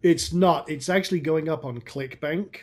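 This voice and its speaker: A man gives a casual on-screen tutorial in a raspy, tired voice. He talks informally, muttering his way through each step as an online marketing coach would. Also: fairly high pitch, normal speed, a little mellow. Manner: informal, thinking aloud.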